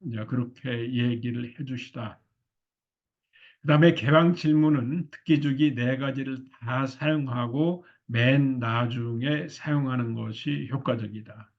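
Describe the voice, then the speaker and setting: Gravelly-voiced man giving a marriage lecture. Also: medium pitch, unhurried, highs cut off. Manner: loose, filler-heavy lecturing with frequent "이렇게" and "어".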